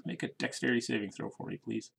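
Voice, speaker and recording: A man narrating as game master in a casual, halting way, with restarts. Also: medium pitch, gravelly, a bit bright, slightly rough.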